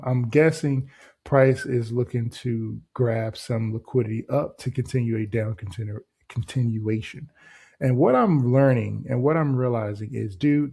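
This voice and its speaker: A man hosting a trading channel, walking through a chart in a loose, casual way and tossing in "right?" and "boom" between steps. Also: vocal fry, dark tone, husky. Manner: loose and conversational, heavy on filler words like "right?" and "boom". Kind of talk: casual screen-share trading walkthrough.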